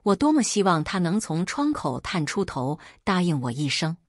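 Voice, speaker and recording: A woman's voice: on the low side, moderate pace, no room sound, studio quality. A woman storyteller reading a first-person story expressively. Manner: expressive, acts out dialogue. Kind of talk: first-person scripted narration.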